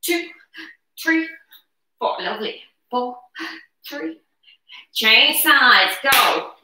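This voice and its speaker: A woman coaches a workout in a high voice, counting reps in short, energetic cues. Her delivery is unhurried, with slow gaps between encouraging calls. She is recorded a little way from the microphone in a strongly echoing room. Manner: energetic, encouraging while exercising. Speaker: aerobics instructor leading chair exercises. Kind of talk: live fitness class coaching. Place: brick-walled living room at home. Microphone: camera a few metres away. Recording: roomy echo, distant camera microphone.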